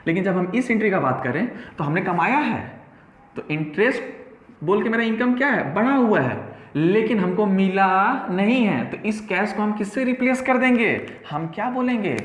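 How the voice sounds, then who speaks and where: Lively accounts teacher, echoey classroom. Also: male voice, sits high, moderate pace. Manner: animated, playful, repeats key terms and answers his own questions. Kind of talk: classroom lecture with call-and-response. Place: classroom with whiteboard. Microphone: camera in the room.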